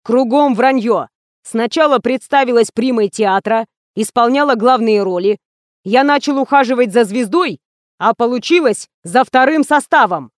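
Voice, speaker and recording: Woman reading a contemptuous rich man, loud, slow and scolding. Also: a little high, lively intonation, dry recording, studio quality, close to an everyday voice. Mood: furious. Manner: loud, slow, scornful ranting.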